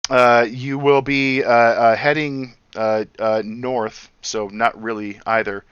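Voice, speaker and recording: A man narrating as dungeon master for a tabletop game, halting with many filler sounds. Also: steady tone, fairly bright tone, clear, resonant tone, no room sound. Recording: dull dry low-fi audio.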